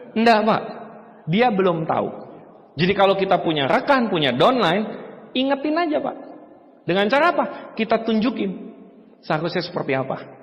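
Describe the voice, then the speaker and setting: High-voiced man in an echoing hall. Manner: animated, often addresses the audience, acts out quotes. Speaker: motivational speaker at a business seminar. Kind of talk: live motivational seminar talk. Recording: reverberant hall.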